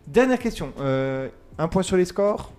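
A man's voice: high voice, sing-song, unhurried, a little mellow, faint music behind. A man hosting a casual radio quiz, reading multiple-choice questions, counting down and joking with his co-hosts. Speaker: quiz host.

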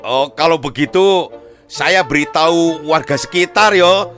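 A man's voice: fairly high pitch, a little slow, fairly bright tone, soft background music. A man acting a deferential, flustered neighbourhood official in a radio drama, eager to help and fumbling a little.

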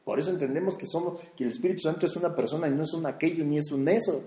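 Echoey preacher, conversational sermon. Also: male voice, fairly high pitch, rapid-fire, dark tone. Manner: conversational, with fillers and emphatic rises. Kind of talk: sermon teaching. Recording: echoey room.

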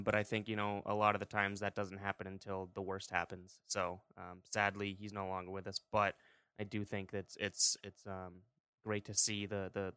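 A man with a fairly low, even voice talks casually as a sports podcast guest. The sound is crisp and dry, and he peppers his sentences with "like". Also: no echo. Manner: peppers speech with "like".

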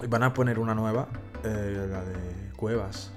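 A young man co-hosting a casual home podcast, telling game stories in an animated way with many restarts. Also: on the low side, normal speed, soft background music. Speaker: podcast co-host. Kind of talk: casual chat about video games. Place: home room, small setup.

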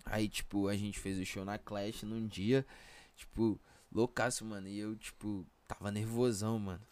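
A man's voice: fairly low pitch, flat delivery, moderate pace, darkish tone. A young man with a Brazilian Portuguese accent telling anecdotes in casual, slangy chat full of verbal tags. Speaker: rapper, podcast guest.

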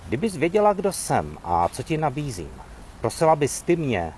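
A man reading the lines of a calm, authoritative male teacher from scripture in a gentle, earnest way. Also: fairly high pitch, slight background noise, pitched above the performer's own voice. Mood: solemn.

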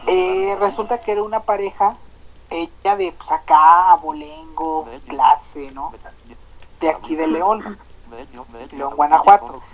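A Mexican woman hosting a radio show, telling a story in a chatty, slangy, animated way. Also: lowish voice, slow, dull audio. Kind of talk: casual storytelling chat.

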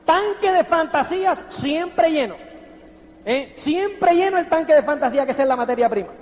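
A man's voice: very high voice, animated, normal speed, a little mellow, slight background noise. A man giving an emphatic motivational talk to a live audience, repeating his points and often asking "you understand?". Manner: emphatic, repetitive, rhetorical questions. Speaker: motivational speaker. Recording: dull audio with long hall reverb.

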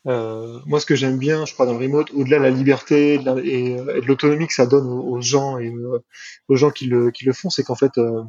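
A man hosts a casual podcast interview in a mid-pitched voice. He sounds relaxed and hesitant, leaning on fillers and repeating himself. The recording is dry and a little dull. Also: a little fast, no room sound. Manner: relaxed, hesitant, many "euh" and repetitions. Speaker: podcast host. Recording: dry, dull, slightly lo-fi mic.

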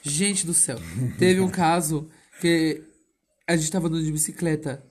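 A man's voice: a little high, moderate pace. A man with a Brazilian Portuguese accent co-hosting a casual chat, telling stories with lots of exclamations. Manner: animated storytelling with frequent exclamations. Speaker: podcast co-host. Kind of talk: casual chat among couples.

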